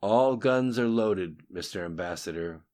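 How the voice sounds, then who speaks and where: A man's voice: fairly low pitch, a little slow, darkish tone, close to an everyday voice. A man doing a wry, sardonic contractor. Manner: dry, sardonic quips.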